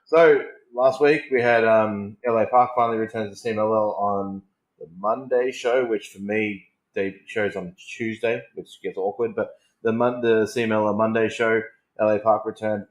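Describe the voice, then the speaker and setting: A man's voice: on the low side, steady tone, normal speed. A man talking casually and enthusiastically as an informal fan on a wrestling podcast. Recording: roomy, echoing voice recording.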